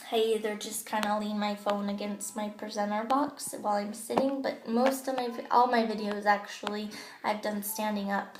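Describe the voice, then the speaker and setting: There's a little hiss or hum on this echoey phone recording, made on an old smartphone camera in a home bathroom. A direct-sales makeup team leader with a fairly high, childish-sounding voice gives her sales team a chatty, casual training talk full of ums and you-knows.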